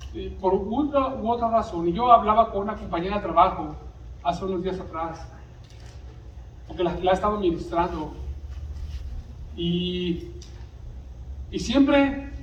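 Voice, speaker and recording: A man's voice: sits high, lo-fi sound, slight background noise. A man preaching a sermon and tossing frequent questions to the congregation. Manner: preaches with call-and-response asides. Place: church sanctuary. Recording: echoey distant church recording.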